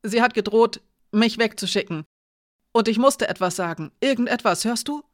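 The narrator voicing a restless young woman guard who pleads urgently and loudly. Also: lowish voice, fairly even intonation, brisk, lightly acted. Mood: urgent, pleading. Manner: pleading, agitated, talks loud.

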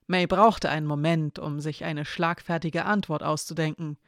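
A calm reader narrating a novel aloud, giving the dialogue only light shading. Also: mid-range voice, normal speed, no room sound, studio quality. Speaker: audiobook narrator.

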